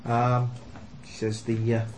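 A man's voice: medium pitch, monotone, slow pace. A man acting as game master, narrating a tabletop role-playing game to the players. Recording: noisy room recording.

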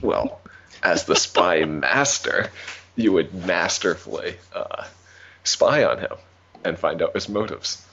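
A man playing a tabletop roleplaying game, speaking casually in character with a dry, deadpan manner. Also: sits low, takes it slowly, a little hiss or hum. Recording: slightly muffled recording.

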